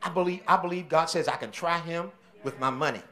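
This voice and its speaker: A man preaching a sermon as senior pastor, with call-and-response shouting bursts and quieter stretches. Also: on the high side, a little fast. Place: church.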